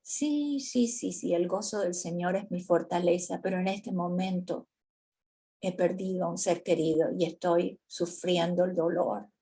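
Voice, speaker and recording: A woman leading a faith-based workshop for women on grief, speaking calmly and earnestly and putting questions to her listeners. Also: fairly low pitch. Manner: calm, measured, asks the audience questions.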